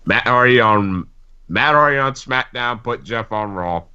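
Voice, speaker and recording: A male co-host on a call-in show jokes with the callers in a lively, playful way. His voice is bright and tense, and the sound is a little dull. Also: mid-range voice, smooth. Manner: lively, joking, quick to laugh. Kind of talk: call-in radio talk show.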